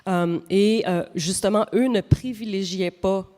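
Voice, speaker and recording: A woman's voice: medium pitch, measured pace, mellow. Give me a Quebec woman answering on a panel in a reverberant hall. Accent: Quebec French. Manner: explanatory, anecdotal, many fillers. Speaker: AI company representative. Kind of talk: panel answer to audience question.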